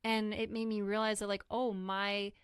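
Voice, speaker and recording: A woman's voice: mid-range voice, flat delivery, moderate pace, clean tone, dry recording, clean studio sound. A woman talking candidly and reflectively in a podcast conversation, sometimes acting out what other people said to her. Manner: earnest, reflective, acts out quoted voices. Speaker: guest sharing grief experience.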